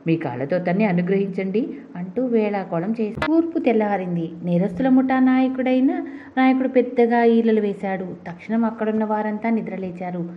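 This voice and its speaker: A woman reading a storybook aloud in a steady way, with small restarts now and then. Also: on the high side, moderate pace, a little hiss or hum. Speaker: audiobook narrator. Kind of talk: storybook narration. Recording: dull lo-fi recording.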